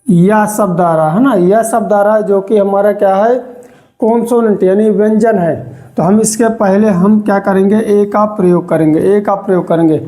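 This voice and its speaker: A teacher giving a grammar lesson, repeating key words slowly and checking in with the listener. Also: medium pitch, warm tone. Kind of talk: slow spoken grammar lesson.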